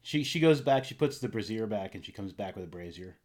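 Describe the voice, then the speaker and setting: A man's voice: fairly low pitch, expressive, fairly quick, a little mellow. Man narrating as game master, hesitant. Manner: casual, hesitant with fillers.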